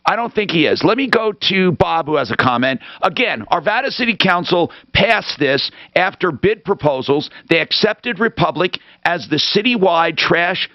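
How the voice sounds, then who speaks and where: A man's voice: sits high, animated, moderate pace, hardly any pauses, no room sound, highs cut off. A man hosting a call-in radio show, talking off the cuff in an emphatic, brusque way and cutting in on callers. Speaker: radio talk show host. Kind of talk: unscripted call-in talk.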